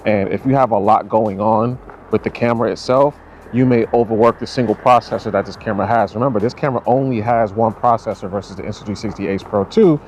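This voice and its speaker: A man's voice: on the low side, quick pace, a little mellow. A man, a truck driver, talking casually and with slang to the camera outdoors at night. A clip mic under his clothing makes his voice jittery and warbly from noise reduction. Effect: jittery, warbling noise-reduction processing on the voice. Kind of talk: casual vlog talk to camera. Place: outdoors at night in an urban area, riding along. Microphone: wireless clip mic under two layers of clothing. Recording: noisy outdoor street sound.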